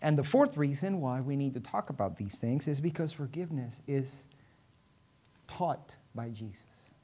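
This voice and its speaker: A woman from Venezuela preaches a sermon to a congregation, using rhetorical questions, dramatic emphasis and pauses. Her bass voice is animated and warm.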